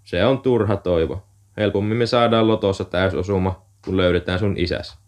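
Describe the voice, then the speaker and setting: A man's voice: deep voice, natural voice. A man reading aloud, voicing a blunt, weary mother with a head cold and a stuffy, nasal voice. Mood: mocking. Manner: blunt, dismissive, wry.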